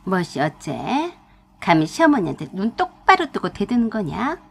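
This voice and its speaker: A woman voicing a bossy, scolding older mother-in-law who lectures her daughter-in-law in a low, husky voice. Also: sing-song, normal speed, exaggerated voice. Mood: indignant. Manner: domineering, lecturing.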